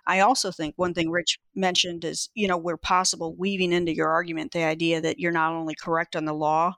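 A woman lawyer offers practical, encouraging advice in an easy conversational way. Her tone is bright and forward. The recording is dry, with no room sound. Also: low-pitched, dry recording. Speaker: appellate lawyer. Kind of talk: conversational podcast discussion.

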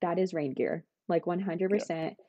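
A woman's voice: on the low side, normal speed, warm tone, no room sound. A young woman guest on a podcast, chatting casually and giggling often, with lots of "like" in her speech. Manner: giggly, upbeat, says "like" a lot. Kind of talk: casual chat.

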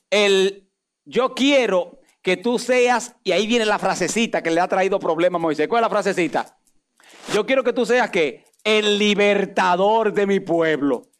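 A man preaching a sermon as a pastor, animatedly acting out dialogues and joking with the congregation. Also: a little high. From Dominican Republic. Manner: animated, acts out dialogues with God and Moses, jokes with congregation.

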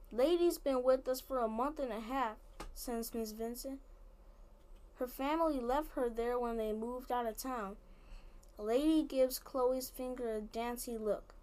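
A woman reads a children's chapter book aloud in a fairly high voice. She keeps a plain, even storybook delivery through narration and dialogue. Now and then she stumbles and restarts a phrase. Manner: plain storybook reading with small slips and restarts. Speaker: story reader.

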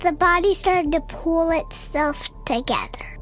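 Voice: very high-pitched, measured pace, fairly bright tone. A young host narrating a scary story for kids, dramatic and dropping into whispers for the creepy parts.

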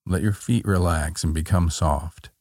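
A man guiding a body-scan relaxation in a calm, meditative tone, gently giving short soothing instructions. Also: low voice, a little slow, dry recording, studio quality. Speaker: meditation guide.

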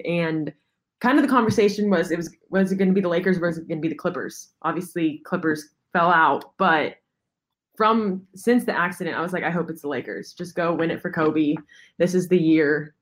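Lower-voiced woman talking sports. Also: brisk. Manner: earnest, talkative, frequent "like". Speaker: guest podcaster. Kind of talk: casual sports chat.

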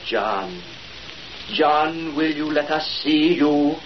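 An actor in a 1940s radio play, playing a fake mystic who leads a seance in a slow, solemn voice. The recording is an old radio broadcast. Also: male voice, on the high side, animated. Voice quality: solemn, intoning. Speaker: medium. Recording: dull old radio broadcast, hiss, distant.

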